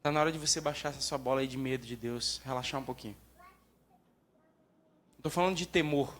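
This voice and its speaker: A young man with a Brazilian Portuguese accent giving a lively, joking sermon talk at church. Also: mid-range voice, quick pace, a little hiss or hum. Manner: lively, jokes and acts out quoted prayers. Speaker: church speaker.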